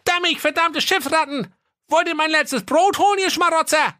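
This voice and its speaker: A woman's voice: high voice, expressive, normal speed, pushed and bright, dry recording, studio quality, full character voice. A woman voicing a grumpy, stingy old male junkyard owner, grumbling and scornful in a comic audio story. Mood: snapping.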